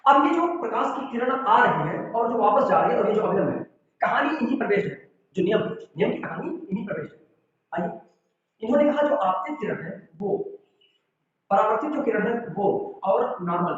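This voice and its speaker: A man's voice: high voice, expressive, brisk. A physics teacher lectures in a very echoey room. He stands far from the mic, and the recording sounds dull. He explains step by step and keeps checking that the students follow. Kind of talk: classroom lecture.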